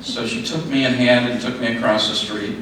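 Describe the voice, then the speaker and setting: Middle-aged man, father of the bride at the podium, halting short phrases, very reverberant room, noisy background. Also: medium pitch, steady tone, fairly bright tone. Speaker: father of the bride giving a speech. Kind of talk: wedding speech. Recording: echoey, noisy room, distant mic.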